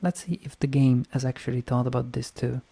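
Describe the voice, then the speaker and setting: A man's voice: mid-range voice, fairly quick, gravelly, mellow. A man giving casual game playthrough commentary, arguing his points and repeating them for emphasis. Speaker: video game streamer.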